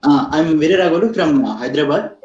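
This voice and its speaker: A man from a technology institute gives quick, eager thanks over a video call. His voice is fairly high, and the sound is muffled and echoey. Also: expressive, a little mellow. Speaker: institute faculty member.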